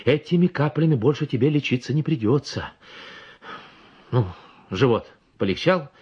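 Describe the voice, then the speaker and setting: A man voicing an excitable young male country doctor in an audiobook, exclaiming often. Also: mid-range voice, normal speed, breathy edge, dull audio, voice pushed up. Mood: agitated.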